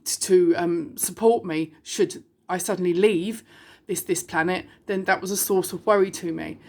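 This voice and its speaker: A British woman in her forties, a vlogger from the UK, talks bluntly to her viewers at medium pitch. Her candid monologue is full of rhetorical questions and the occasional swear word.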